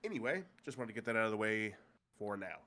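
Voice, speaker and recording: A man with a stuffy, congested nose recaps the last session as game master, loose and joking and full of fillers. His lowish voice is expressive, fast, bright and forceful. He's in a room with friends gathered at a table.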